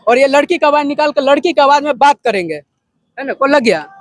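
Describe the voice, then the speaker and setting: Very high-pitched man interviewing. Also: animated, fast, no room sound. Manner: repeats answers back, prompting. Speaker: interviewer, video channel host. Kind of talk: informal on-location interview.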